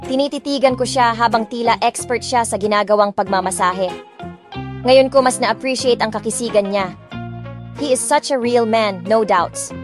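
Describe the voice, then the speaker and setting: Her voice is a little high and her speed normal as this audiobook narrator expressively recounts a first-person romance, switching easily between Tagalog and English phrases. Music runs beneath the narration.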